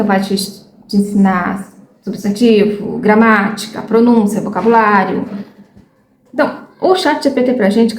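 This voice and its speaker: A woman's voice: medium pitch, a little mellow, reverberant. A Brazilian woman in her thirties with a Brazilian accent, chatting frankly to her viewers as she learns English and often loses her train of thought. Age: 30s. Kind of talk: casual chat to viewers.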